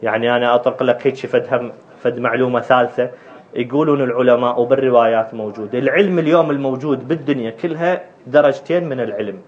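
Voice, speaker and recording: A man with an Iraqi Arabic accent preaching a sermon, rising loud and high on key points and acting out dialogue. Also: fast, lo-fi sound.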